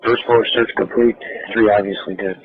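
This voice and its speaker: A man's voice: fairly low pitch, steady tone, moderate pace, breathy edge, no room sound. A man speaking as a police officer at a scene, giving clipped, businesslike calls over a walkie-talkie. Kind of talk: terse police radio calls. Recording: archival lo-fi police radio.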